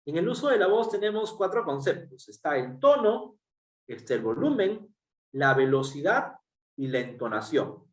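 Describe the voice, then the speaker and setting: A man's voice: on the high side, very animated, moderate pace. A man with a Peruvian Spanish accent giving a workshop lecture, explaining step by step with frequent fillers and tag questions. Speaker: workshop speaker. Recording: roomy, distant mic.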